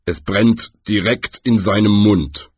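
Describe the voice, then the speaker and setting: A gruff troll rumbles in a low, husky voice, voiced by a man. He speaks slowly and drily, in an audiobook with a close, dead sound. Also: a little mellow, no room sound. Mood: wry. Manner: rumbling, grumbling. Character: gruff old male troll.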